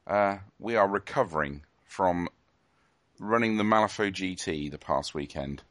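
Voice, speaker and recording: A man's voice: low-pitched, unhurried, fairly bright tone, dry recording. A man hosting a casual podcast chat, hesitant and full of ums. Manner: hesitant, filler-heavy. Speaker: podcast host.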